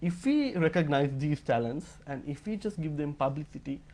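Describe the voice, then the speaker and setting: A man's voice: a little high, lively intonation, normal speed, darkish tone. A man with a Sri Lankan accent answering interview questions earnestly and emphatically, posing rhetorical questions. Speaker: interview guest, fashion and pageant industry figure.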